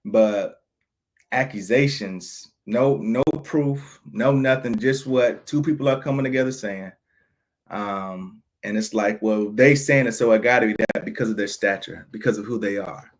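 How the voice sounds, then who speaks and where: This thirty-something male vlogger has a lowish voice and keeps a measured pace. Talking off the cuff about his own life, he sounds candid and wronged, frequently starting over and saying phrases again.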